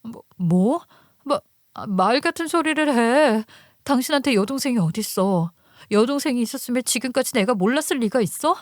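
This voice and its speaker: A woman's voice: mid-range voice, expressive, normal speed, no room sound, clean studio sound, lightly acted. A woman voicing a suspicious, furious wife who demands answers from her husband. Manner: sharp, demanding, agitated.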